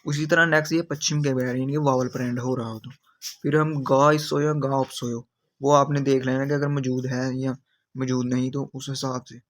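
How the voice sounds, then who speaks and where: A man's voice: mid-range voice, flat delivery, normal speed. A man teaching grammar in a video lesson, patiently repeating each example sentence. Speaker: language teacher.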